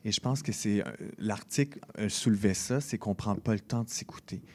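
A man talking on the radio in a reflective, measured way. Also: fairly low pitch. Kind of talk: casual radio talk.

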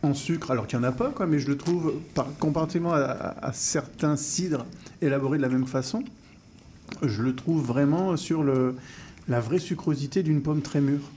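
Host, French-accented man, fairly high voice, musing delivery with repeated words, studio tasting chat. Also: normal speed, darkish tone, a little hiss or hum. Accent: French from France. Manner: thinking aloud, repeats words. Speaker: radio host. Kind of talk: radio interview and tasting. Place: radio studio.

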